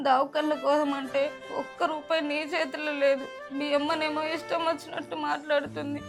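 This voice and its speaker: A woman's voice: high-pitched, flat delivery, fairly quick, vocal fry, music in the background. An actress with a Telangana accent playing a young pregnant wife, crying and pleading over her family's rejection. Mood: tearful. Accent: Telangana Telugu. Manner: tearful, pleading. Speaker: actor. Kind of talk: village short film acting.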